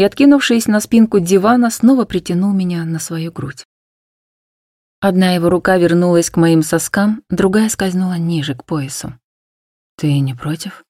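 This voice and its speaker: A woman narrates a first-person story in a soft, intimate, hushed manner, with the occasional breathy whisper. Her voice sits on the low side, and the recording is dry and close to the microphone. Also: dry recording. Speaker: audiobook narrator.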